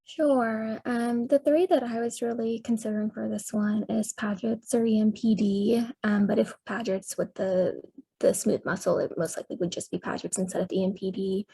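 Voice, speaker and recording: A woman's voice: mid-range voice, steady tone, moderate pace, vocal fry, warm tone, breathy edge, no echo. A woman resident answering questions in a case review over a video call, thinking aloud tentatively with many ums. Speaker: dermatology resident.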